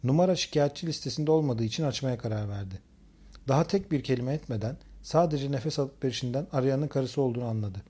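A man reading a crime novel aloud in steady, measured scripted narration. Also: medium pitch, breathy edge. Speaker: audiobook narrator.

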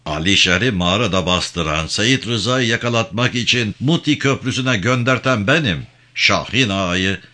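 A man's voice: lowish voice, lively intonation, moderate pace, hardly any pauses, pushed and bright. A man voicing a simple-minded, boastful rural militia commander who talks in an earnest, pleading way.

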